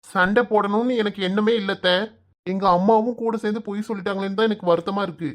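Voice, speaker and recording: A woman's voice: medium pitch, steady tone, fast, lightly acted. A woman voicing an exasperated young husband caught between his family in a comic cartoon, with a Kanyakumari Tamil accent, arguing and pleading.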